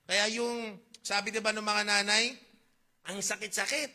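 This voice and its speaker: A man with a Filipino accent preaching a sermon, reading old-fashioned scripture slowly and asking his congregation questions. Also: sits high, little pitch movement, bright, forceful tone. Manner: mixes Tagalog and English, reads KJV verses slowly; asks the congregation questions, jokes. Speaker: pastor.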